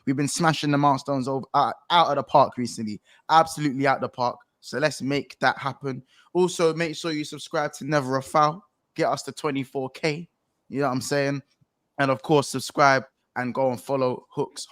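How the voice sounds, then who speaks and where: A man's voice: fairly high pitch, fairly bright tone, dry recording, studio quality. A man with a London roadman accent, hosting a football fan show in casual, slang-heavy street talk. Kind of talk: casual chat.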